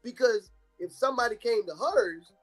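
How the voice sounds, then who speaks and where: A man's voice: extremely high pitch, normal speed, faint music behind. A man, a bereaved father, telling the story of his daughter's death on a live-stream interview. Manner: animated, vernacular storytelling. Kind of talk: emotional personal account.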